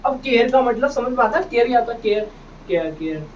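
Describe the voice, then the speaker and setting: A man's voice: very high-pitched, lively intonation, a little fast. A man teaching English phonics to a classroom, drilling each word by repeating it and asking the students back, and calling them "beta". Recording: distant, dull, noisy classroom recording.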